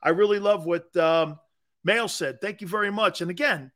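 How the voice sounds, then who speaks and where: A man's voice: sits high, moderate pace, pushed and bright. A man from Connecticut hosting a sports talk show, talking bluntly and directly to his viewers in a casual way. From Connecticut, USA.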